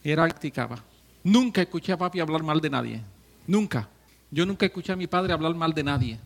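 A man preaching a sermon as pastor, swinging from hushed, slow stretches to loud, joking outbursts. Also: a little high, expressive, gravelly.

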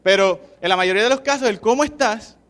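A man's voice: high-pitched, quick pace, a bit bright. A man with a Puerto Rican accent giving an informal sermon, chatting with the listeners and often asking "¿verdad?" as he tells a story. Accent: Puerto Rican Spanish. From Puerto Rico.

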